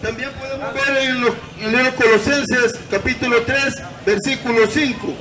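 This is an open-air sermon: a high-pitched Salvadoran man, steady in tone, explains scripture in deliberate, declamatory short phrases. He preaches from a gazebo in a public town square, heard faintly through a distant camera. Echo, crowd noise and traffic make the outdoor recording noisy.

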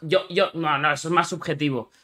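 A man with a somewhat high voice, reacting live as a streamer. He talks things through out loud and fills his pauses with hesitant fillers. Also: steady tone. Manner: explanatory, thinks aloud with many fillers. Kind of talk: casual live reaction commentary.

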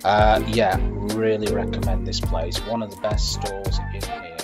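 A man's voice: fairly low pitch, little pitch movement, unhurried, vocal fry. A middle-aged man, chatting casually as a food vlogger while he walks and eats, rambling with lots of fillers. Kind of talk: casual vlog commentary. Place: shopping mall and food court. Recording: street noise and background music.

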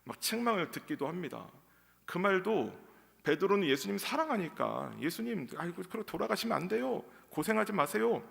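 Gravelly-voiced Korean pastor preaching. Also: male voice, a bit bright. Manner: acts out quoted lines in a raised pitch. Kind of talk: sermon. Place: church sanctuary. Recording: long church hall reverb.

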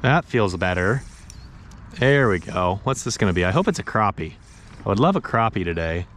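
A man's voice: fairly low pitch, moderate pace, a little hiss or hum. Chatty man fishing from a kayak. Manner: chatty, easily excited, says dude and bro. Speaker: fishing vlogger. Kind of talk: casual vlog commentary while fishing. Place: kayak on a pond outdoors. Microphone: action camera mounted on the kayak.

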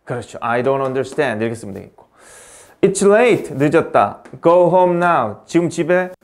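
A man teaching an English grammar lesson, brisk and quizzing his student as he goes. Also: fairly high pitch, big pitch swings.

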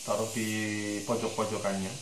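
A man's voice: on the low side, flat delivery, moderate pace, roomy sound, background noise. A man from Indonesia guiding a screen-recorded 3D modeling tutorial, thinking aloud with lots of fillers. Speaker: tutorial instructor.

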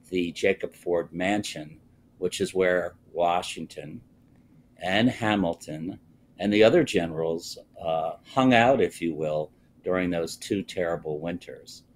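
An older man talks slowly in a low, deep voice, stopping often with "uh" as he explains things. He is a guest on a TV interview, heard over a webcam from an office. There is faint room noise behind him. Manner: slow, measured, frequent "uh" pauses. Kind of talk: live TV interview over video call. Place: indoors, wood-panelled office with bookshelves. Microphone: video call, webcam close up.

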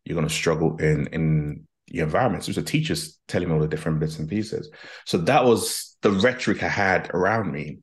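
Very deep-voiced man telling his story. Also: brisk. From Nigeria. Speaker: guest, executive coach. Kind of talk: reflective storytelling. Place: home office, video call. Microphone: headset.

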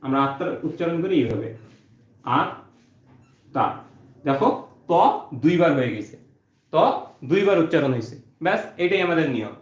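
A male teacher, giving an exam-prep lesson and explaining step by step, saying each point twice. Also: a little high. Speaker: Bangla teacher. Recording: roomy, dull lo-fi sound.

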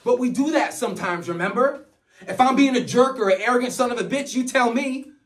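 High-pitched, anguished lover acted by a man, pleading. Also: a little fast, a bit bright. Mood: frustrated, insistent. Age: middle-aged. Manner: intense, impassioned, emphatic pleading. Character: anguished, pleading male lover confronting the woman he loves. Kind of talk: dramatic movie monologue performance. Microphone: camera a few metres away. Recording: distant mic, roomy camera pickup.

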